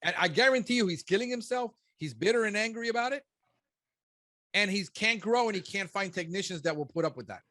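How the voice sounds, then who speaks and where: A man's voice: high-pitched, expressive, a little fast, pushed and bright, no room sound. A man in his fifties, a business consultant, giving blunt and emphatic one-on-one coaching. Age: 50s. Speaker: pest control business consultant.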